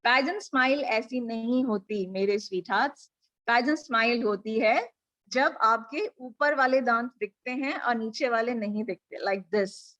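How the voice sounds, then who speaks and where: Indian lady coaching pageant girls on a video call, kinda high voice, slow and deliberate, really projecting. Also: lo-fi sound. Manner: energetic, projected voice pitched above her normal talk; mixes English and Hindi, coaxing and directing the class. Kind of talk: live online coaching session.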